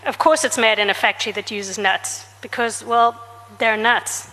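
A woman's voice: fairly even intonation, normal speed. A woman author reading from her comic novel to an audience, changing her voice for each character's lines. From South Africa. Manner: reads dialogue with shifts in pitch and loudness for each character. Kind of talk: book talk with a reading. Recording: reverberant hall.

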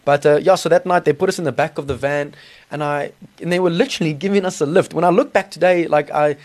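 A man's voice: a little high, fairly even intonation, fast talker. A man with a South African accent giving a personal testimony in an informal, earnest, conversational way with colloquial slang. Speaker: podcast guest telling his testimony. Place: small studio.

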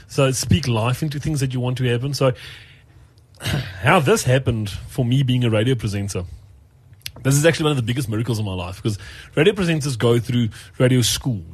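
A man's voice: mid-range voice, brisk, husky. A man who works as a radio presenter, telling a personal story in casual talk, acting out the lines of other people with many restarts. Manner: animated storyteller, acts out quotes, many restarts. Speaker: radio presenter and podcast host.

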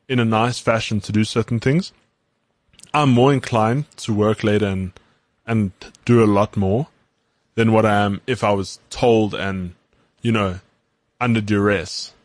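In a casual chat, a man with a fairly low voice earnestly explains his views using everyday examples, stumbling over a few starts. There's no room sound in the recording.

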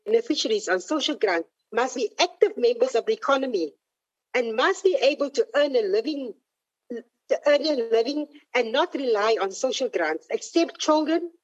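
A woman's voice: fairly high pitch, animated, normal speed, slightly rough, lo-fi sound. A South African woman delivering a formal, emphatic political speech in parliament, with repeated declarative demands. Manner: emphatic, declarative, repetitive slogans. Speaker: member of parliament giving a speech.

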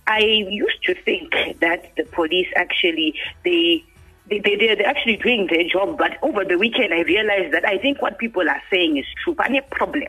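Woman, indignant caller, bright husky voice, phone line, faint music. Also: lowish voice, normal speed. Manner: indignant, insistent, repeats words. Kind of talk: call-in radio question.

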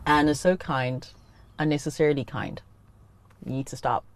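A woman hosting a casual chat, playful and joking, and quick to laugh at herself. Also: low-pitched, no echo. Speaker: podcast host.

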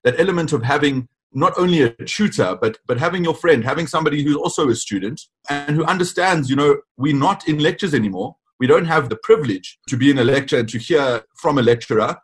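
A man's voice: a little high, quick pace, hardly any pauses, husky. A man of about twenty, a student founder speaking eagerly in a podcast interview, often repeating words as he goes. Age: 20s.

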